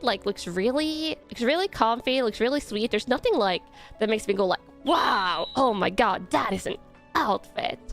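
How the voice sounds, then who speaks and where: A young woman chatting casually as she ranks game outfits, rambling with lots of fillers and little giggles. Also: a little high. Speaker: content creator. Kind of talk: casual ranking commentary. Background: soft background music.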